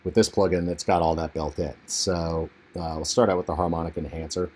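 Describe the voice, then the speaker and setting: A man recording a laid-back software walkthrough in an untreated room on a low-quality built-in computer mic, talking casually with frequent fillers. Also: little pitch movement, brisk, a little hiss or hum. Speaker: music production tutorial host. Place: untreated room in a family home. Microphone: internal computer mic.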